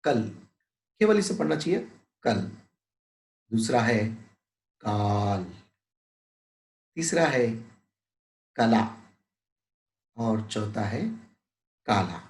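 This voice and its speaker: A man teaching a Hindi lesson to schoolchildren, drawing out each word slowly and drilling word pairs. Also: medium pitch, sing-song, roomy sound, poor audio. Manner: very slow, drawn-out and deliberate, drilling word pairs; addresses pupils as "beta".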